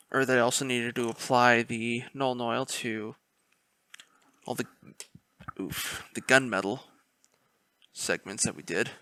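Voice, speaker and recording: A man's voice: mid-range voice, pushed and bright, clear, resonant tone, no echo. A man casually narrating a miniature painting tutorial, rambling a little with fillers and restarts. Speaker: miniature painting hobbyist host.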